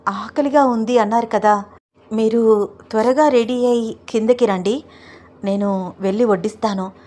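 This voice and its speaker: A woman's voice: a little high, unhurried, mellow. A woman voicing a coy young wife who keeps making flustered, pleading protests in an audio story.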